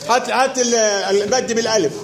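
A man's voice: high voice, fairly even intonation, noisy background. A male teacher running a word game in a classroom, calling pupils up by turn and urging them to hurry. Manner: brisk, directive, urging pupils on. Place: classroom, large room.

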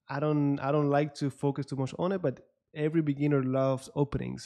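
A man's voice: mid-range voice, warm tone. A young man in his twenties with a Cuban Spanish accent, hosting a casual interview chat at a desk microphone. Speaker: chess coach hosting an interview. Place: small room at home, indoors. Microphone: desk microphone on a boom arm, video call.

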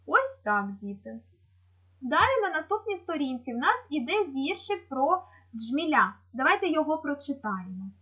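A woman's voice: high-pitched, big pitch swings, moderate pace, muffled recording. A woman teaching young children in a video lesson in Ukrainian-accented speech, patiently explaining each step. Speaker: primary school teacher.

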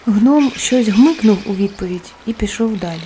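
A woman, the author, reading her own fairy tale aloud as storybook narration, expressive and animated. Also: mid-range voice, normal speed, a little hiss or hum. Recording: soft music underneath.

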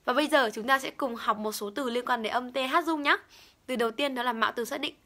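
A woman's voice: a little high, fast talker, sharp tone. A young woman teaching English pronunciation, over-enunciating and repeating each word as she demonstrates it. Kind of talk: bilingual pronunciation lesson.

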